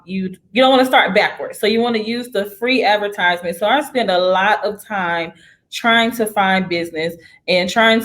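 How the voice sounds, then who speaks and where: A woman's voice: medium pitch, fairly bright tone. A young woman realtor in a casual career interview, talking in an upbeat, chatty way and laughing often. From United States.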